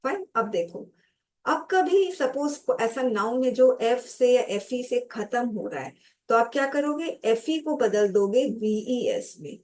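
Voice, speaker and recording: Woman, grammar teacher, fairly high voice, slow and patient, poses questions and answers them herself. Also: lively intonation, a little mellow. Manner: addresses viewers as students. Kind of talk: classroom grammar lesson.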